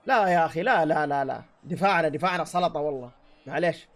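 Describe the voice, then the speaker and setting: Speaking fast in a fairly high-pitched voice, a man gives a live reaction to a football match. Using his own desk microphone, he heckles the players and lets out exclamations.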